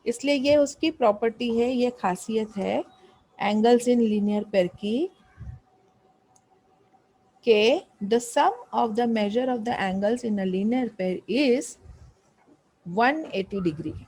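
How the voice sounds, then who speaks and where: A woman's voice: a little high, very slow, long pauses, dark tone, rough recording. A woman math teacher explaining a lesson, patiently repeating questions and prompting students to answer.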